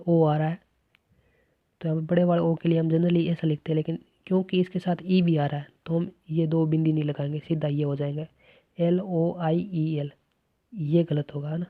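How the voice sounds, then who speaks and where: Lesson teacher, methodical explainer, flat delivery, thin phone-quality sound. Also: medium pitch, dry recording. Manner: explains step by step with repeated "है ना" checks. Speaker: English teacher. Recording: dry, tinny phone-like recording.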